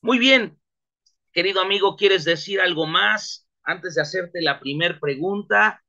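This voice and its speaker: A man's voice: high voice, a little slow, pushed and bright. A man hosting a church livestream interview, asking emphatic questions to his guest. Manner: emphatic, addresses the guest as "querido amigo". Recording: dull lo-fi sound.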